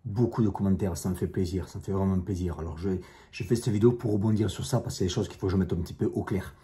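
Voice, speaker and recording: A man with a strong accent speaks fast and bluntly in a casual monologue to camera. His voice is low and very dark, and he hammers his points home by repeating them. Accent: strong non-native accent in French. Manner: blunt, combative, repeats himself. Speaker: YouTuber, self-defence instructor.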